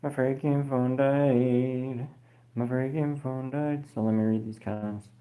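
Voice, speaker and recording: Reading viewers' comments aloud on a laid-back phone livestream, this host rambles in slang, curses casually and spells out names one letter at a time. He speaks unhurriedly with a steady, dark, medium-pitched voice.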